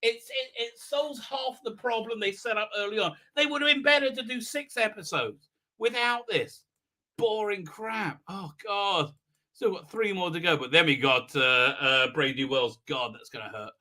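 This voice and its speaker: A man with a high, sharp-toned voice hosts a fan review livestream, giving a casual, mocking episode recap. It's rambling, halting and sarcastic, full of repeated words and exasperated outbursts.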